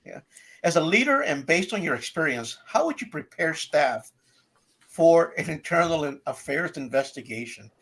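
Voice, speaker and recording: A man hosting a podcast, asking casual questions with many pauses and filler words. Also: a little high, very animated, a bit bright, slightly rough. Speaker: podcast host.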